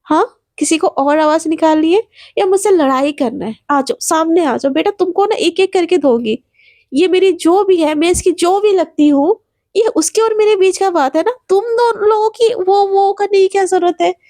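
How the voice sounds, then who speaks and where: A woman's voice: extremely high pitch, normal speed, mellow, no room sound, clean studio sound, pitched above the performer's own voice. A woman voicing a fierce, defiant young college woman who talks bluntly and threatens anyone who crosses her. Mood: threatening.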